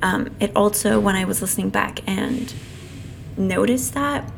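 Losing her voice, a solo podcast host speaks a little slowly in a slightly hoarse tone, keeping things casual and chatty and apologizing to her listeners along the way. Outside, a truck passes noisily, its rumble clearly audible in the recording.

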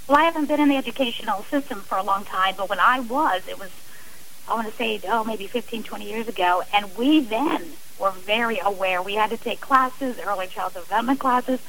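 A middle-aged woman, a guest on a radio interview, gives an earnest, heartfelt account of her own experience and often restarts her sentences. Her voice is medium-pitched and fairly bright, and she talks fairly quickly. The recording is rough.

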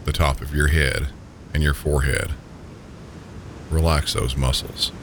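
A man with an extremely deep voice and a Southern US accent works as a sleep story narrator. He speaks gently and calmly, guiding the listener slowly toward rest. A steady, loud low rumble of noise runs behind him. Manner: calm, gentle, unhurried guiding. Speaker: sleep story podcast host. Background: low pink-noise rumble.

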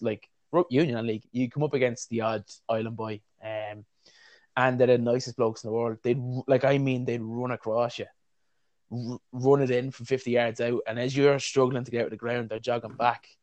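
A man co-hosting a casual podcast chat, animated and quick to act out voices in his stories. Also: mid-range voice, no echo. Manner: animated, puts on voices when telling stories. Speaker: podcast co-host.

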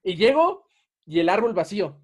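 A man's voice: sits high, big pitch swings, moderate pace, breathy edge. A young man with a Mexican Spanish accent, telling a story in a casual podcast chat and laughing often.

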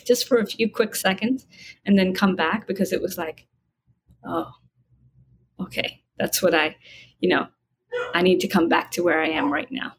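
A woman guest in an interview, talking in a calm, reflective way. She lets her words slow down when she stresses a point. A faint noise sits under the recording. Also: lowish voice. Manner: calm, reflective, slows down for emphasis. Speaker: spiritual guide and interview guest. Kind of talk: conversational interview.

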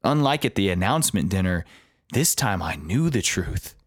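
A man's voice: low-pitched, big pitch swings, normal speed, no room sound, studio quality. A man narrating his own memoir story in a reflective, confessional way.

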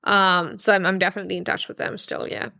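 A novelist guest in her thirties from Pakistan answers interview questions thoughtfully, with many fillers and restarts. Her voice is fairly low, creaky, bright, and forceful, fast with fairly even intonation, captured in a dry, studio-quality recording.

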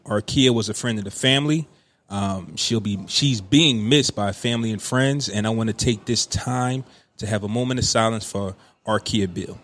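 A man's voice: lowish voice, normal speed, fairly bright tone. A man in his thirties hosting a podcast in casual, slangy, playful talk with hype greetings. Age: 30s. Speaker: podcast host. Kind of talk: casual chat.

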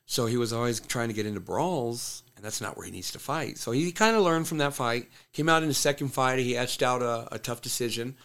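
Talking briskly with hardly a pause, this fighter-coach on a podcast recounts a fight in blunt, casual terms full of swearing. His mid-range voice is animated and a bit bright.

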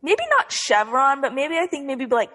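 Young woman, higher-pitched, bubbly sorority-girl chatter as a casual co-host, recorded with long echoey reverb. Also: lively intonation, normal speed, fairly bright tone. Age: young adult. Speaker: podcast co-host. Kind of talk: casual chat.

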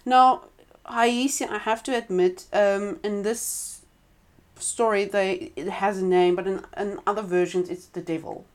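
A woman's voice: mid-range voice, steady tone, measured pace. A woman reading a folk tale aloud to a listener, breaking off for casual asides. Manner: conversational, with frequent asides and restarts. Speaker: storyteller.

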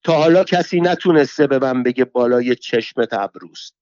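A man voicing a foul-mouthed, quarrelsome old pilgrim woman who shouts abuse in a theatrical way. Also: a little high, no room sound, pitched above the performer's own voice, natural voice. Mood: scolding. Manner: shouting insults, abusive, theatrical. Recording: dull lo-fi dry recording.

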